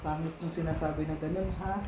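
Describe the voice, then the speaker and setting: A father in a casual home video, patiently coaxing and gently scolding his young child, repeating his questions over and over. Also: on the high side, little pitch movement, fast, echoey room, noisy background. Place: home, indoors.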